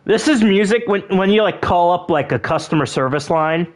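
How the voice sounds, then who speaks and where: A man's voice: high voice, animated, brisk, soft background music. A man streaming a board game, ranting and swearing constantly in mock anger. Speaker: gaming streamer. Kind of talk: profane comic commentary over a game.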